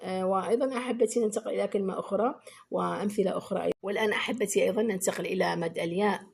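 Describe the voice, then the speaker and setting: A woman's voice: medium pitch, steady tone, gravelly, breathy edge. Patient woman teaching beginners. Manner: stretches example words slowly and loudly, praises often. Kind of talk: children's lesson addressing pupils.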